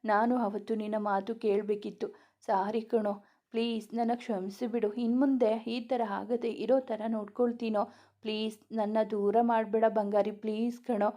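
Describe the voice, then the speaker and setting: A woman's voice: on the high side, flat delivery, moderate pace, warm tone, natural voice. Woman voicing Veda, a remorseful young husband. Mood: remorseful pleading. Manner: pleading, tender.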